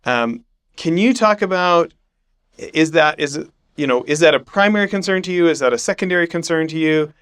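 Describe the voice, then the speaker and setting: A man hosting a podcast asks his questions in a fairly high, smooth, clear voice. He circles around each question with fillers and restarts before landing on it. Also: animated, fairly quick, fairly bright tone. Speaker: podcast host.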